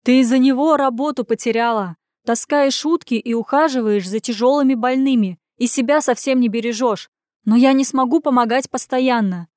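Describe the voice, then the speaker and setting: A woman reading an audiobook puts on a caring, bossy young friend who nags and insists. Her voice sits slightly above the reader's own middle pitch, close and dry, with no room echo. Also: moderate pace, darkish tone, natural voice. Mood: scolding. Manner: insistent, scolding.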